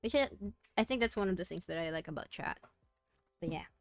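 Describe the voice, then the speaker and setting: A young woman streams and chats casually with her viewers. She talks softly and rambles, working her thoughts out aloud as she goes. Her voice sits a little low for a woman and sounds smooth and clear, with a close, dry sound. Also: expressive, fairly quick, no echo, faint music behind. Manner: rambling, soft-spoken, talks herself through thoughts. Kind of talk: casual chat.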